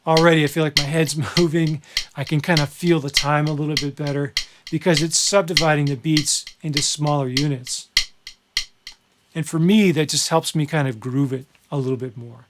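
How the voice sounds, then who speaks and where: A man teaching a screen-recorded music software lesson, relaxed and conversational as he explains each step. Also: a little high, normal speed, heavy background noise. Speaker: music instructor.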